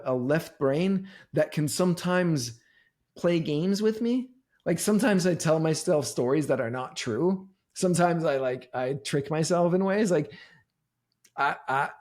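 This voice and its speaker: A man in his forties, guest on a podcast, telling his story candidly in a halting way, restarting often, with his voice rising and falling widely. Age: 40s. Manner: halting, restarts often, wide swings in pitch and loudness.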